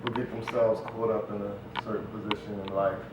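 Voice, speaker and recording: A stage play writer and producer, interviewed casually, rambles along and repeatedly says "you know," talking fairly quickly in a lowish, level voice. The room is noisy and very echoey, making him sound distant and dull.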